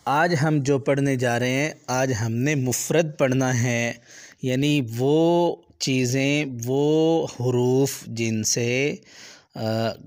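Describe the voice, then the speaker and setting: A man teaching young children to read letters, explaining patiently with everyday examples and drawing out each letter sound. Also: mid-range voice. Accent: Pakistani Urdu. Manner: drawn-out demonstration of letter sounds. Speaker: Quran reading teacher. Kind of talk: children's lesson.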